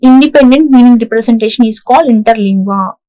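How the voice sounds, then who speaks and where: A woman's voice: fairly high pitch, fast talker, mellow, rough recording. A woman lecturer with an Indian English accent, explaining a lesson in a classroom style and often checking in with "right?". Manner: repeats "right?" to check understanding, frequent restarts.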